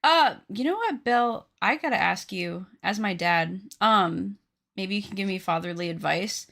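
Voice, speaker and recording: A woman in her late twenties talks a little slowly in a gravelly, mid-range voice with a fairly bright tone. She chats casually with live-stream viewers while crafting, joking with the chat in a self-deprecating way.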